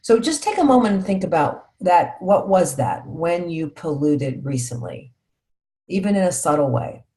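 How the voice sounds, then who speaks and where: A woman's voice: lowish voice, big pitch swings, normal speed, mellow. A woman leading a parenting workshop, talking reflectively, often checking in with "right?" and posing guiding questions to her listeners. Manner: reflective, tags points with "right?". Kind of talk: guided workshop teaching.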